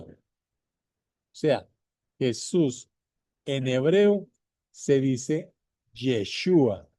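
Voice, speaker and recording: A man teaching a Bible lesson to viewers, repeating his points slowly and speaking to them directly. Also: on the high side, mellow, no room sound, studio quality. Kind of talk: slow deliberate bible teaching.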